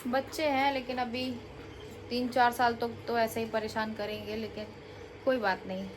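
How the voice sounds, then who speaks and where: A woman's voice: a little high, little pitch movement, normal speed. A young woman, a mother vlogging at home, coaxing and scolding her small children and chatting to viewers. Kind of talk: casual home vlog. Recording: noisy home recording.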